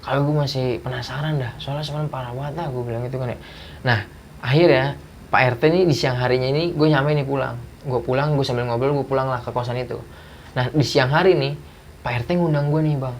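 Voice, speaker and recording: A man tells a personal ghost story in a relaxed, slangy way. He acts out every voice in his retelling. A faint hiss runs underneath the recording. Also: medium pitch, brisk. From Jakarta. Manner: animated retelling with acted dialogue, slangy. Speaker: guest storyteller. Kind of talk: casual ghost story telling.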